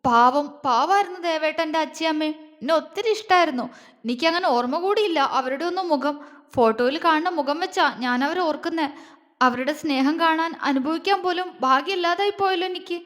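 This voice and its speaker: A woman's voice: high voice, moderate pace, a bit bright. A woman voicing a grieving young woman who cries and stammers through her sobs. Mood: tearful. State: crying.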